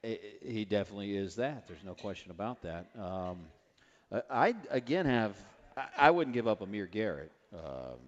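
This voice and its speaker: A man co-hosting a sports call-in radio show, eager and quick to reel off stats. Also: lowish voice, very animated, long reverb tail, muffled recording. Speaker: radio co-host.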